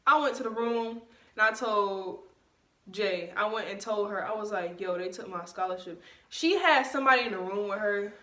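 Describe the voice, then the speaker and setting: Bright-voiced young woman telling a story. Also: mid-range voice. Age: young adult. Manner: emphatic, indignant retelling. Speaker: vlogger. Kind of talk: casual storytime vlog. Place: bedroom, at night. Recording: roomy, mic at a distance.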